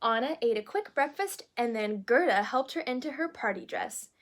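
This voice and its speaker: A woman reads a children's book aloud in character as a princess, narrating expressively and adding little asides to young listeners. Her voice is a little high and expressive, at a normal speed.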